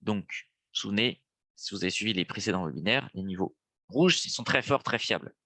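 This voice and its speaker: Stuffy from a cold, this young French trading host talks a little fast in a lowish, bright, forceful voice with lively intonation, recorded dry. He's casual and fills his live lesson with filler words as he thinks out loud.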